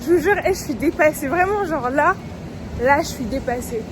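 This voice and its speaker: A young woman vlogging into her phone at a crowded theme park, flustered, exasperated and rushed. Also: sits high, lively intonation, noisy background. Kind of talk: casual travel vlog to camera.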